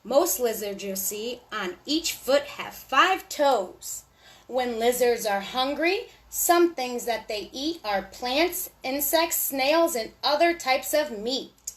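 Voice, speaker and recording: A woman hosts storytime for young children, reading aloud in a sing-song, deliberate manner and adding little asides to her listeners. Her voice is high and animated.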